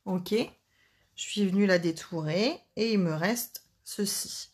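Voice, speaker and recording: A woman's voice: medium pitch, slow, husky. A woman hosting a casual live card-making demonstration, chatting and joking with her viewers as she works.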